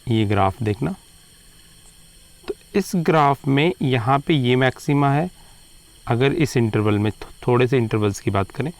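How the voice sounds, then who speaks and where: A man lectures on math at a middle pitch, his voice rough with a gravelly edge. He mixes Hindi and English and draws out key terms slowly for emphasis. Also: animated. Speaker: math teacher. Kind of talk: classroom lecture.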